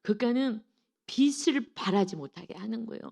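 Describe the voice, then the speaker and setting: A woman's voice: a little high, lively intonation, brisk, creaky, darkish tone. A middle-aged woman telling an earnest, rambling family story as a testimony in a church service. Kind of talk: testimony in an early-morning sermon. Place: church sanctuary.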